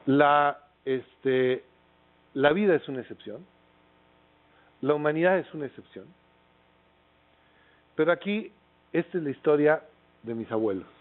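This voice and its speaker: Fairly high-pitched and unhurried, with frequent pauses, a middle-aged Mexican lecturer spins his material like a casual story. He speaks with a Mexican accent and leans on fillers and tag questions. The sound is tinny, like a phone recording of a lecture.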